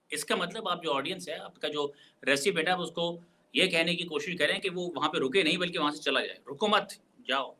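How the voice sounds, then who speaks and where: Guy lecturing a business class, slightly high voice, slows right down to stress his points. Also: bright, forceful tone, rough recording. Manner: explanatory, mixes English phrases in, slows and stresses key words. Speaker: university lecturer.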